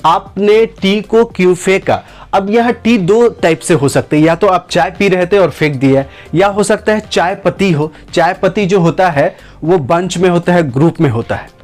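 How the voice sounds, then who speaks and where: Male tutor, high voice, repeats and drags out examples, faint music behind. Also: moderate pace. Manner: talks in a steady run, repeating and stretching out example sentences. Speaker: English teacher. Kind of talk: spoken lesson to camera.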